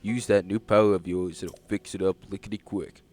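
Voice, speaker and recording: A man voicing an easygoing cowboy gentleman, talking in a slow, folksy drawl. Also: low-pitched, flat delivery, a little hiss or hum, natural voice.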